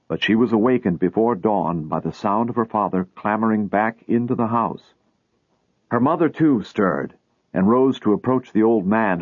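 A man narrating a storybook reading in a measured, even way. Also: lowish voice, breathy edge, dry recording. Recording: tinny phone-like sound.

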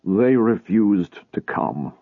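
A man's voice: medium pitch, sing-song, a little slow, breathy edge, no room sound, pitched above the performer's own voice. A man voicing an agitated, pleading old man who insists on a warning, in a storybook reading. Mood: dispirited. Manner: urgent, insistent. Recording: tinny phone-like sound.

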